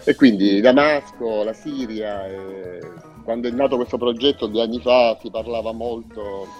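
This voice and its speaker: With soft music playing behind him, a man from Salento, southern Italy, appears as a musician guest on a casual radio interview. His mid-range voice has a darkish tone, and he hesitates a lot, with frequent pauses and repetitions while groping for words, all in dull lo-fi sound.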